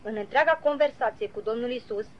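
Woman, Bible commentary reading, earnest, measured, slightly high voice, muffled lo-fi sound. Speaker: Bible teacher. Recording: slightly dull lo-fi recording.

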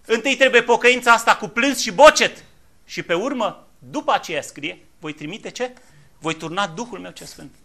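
A man preaching a fiery sermon in a church, swinging from quiet, low passages to loud, impassioned appeals. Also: animated, gravelly.

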